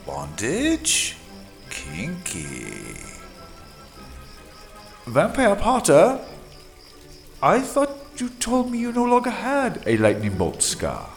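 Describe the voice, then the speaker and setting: A pompous, leering old professor, as a man puts him on, drawling slowly. His pitch swings wildly up and down. Clear music plays underneath. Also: wildly swooping pitch, fairly bright tone, heavily acted. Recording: background music.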